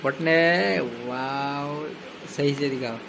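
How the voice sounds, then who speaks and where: A father in his thirties, vlogging at home, jokes and chats playfully with his young son, phone held at arm's length. He talks very slowly in a fairly high voice, and the recording picks up clear background noise from the small room.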